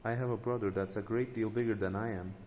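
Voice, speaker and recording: A man's voice: lowish voice, steady tone, fast talker, a little mellow, slight background noise, close to an everyday voice. A man voicing a middle-sized male goat who pleads in fright with a troll. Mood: pleading.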